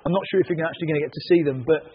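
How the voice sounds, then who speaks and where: Male presenter, West Country English accent, quick and husky, chatty and keen, muffled sound in a big warehouse. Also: a little high. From Somerset, West Country England. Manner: enthusiastic, chatty. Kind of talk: casual car auction preview chat. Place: large indoor car warehouse. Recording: muffled, echoing large hall.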